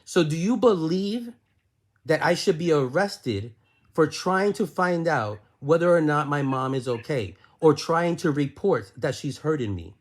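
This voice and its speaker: A man with a fairly high, expressive voice speaks unhurriedly during a heated phone argument with his aunt. He insistently repeats himself and presses her with question after question.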